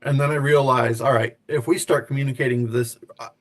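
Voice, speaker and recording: Male American interview guest, medium pitch, conversational and a little hesitant, heard over video call. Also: fairly even intonation, a little fast. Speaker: interview guest, veterans' organization officer.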